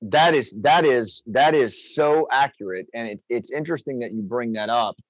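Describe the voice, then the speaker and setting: A man's voice: mid-range voice, moderate pace, no room sound, poor audio. A man hosting a podcast, introducing his guest in an enthusiastic, rambling casual chat. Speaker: podcast host.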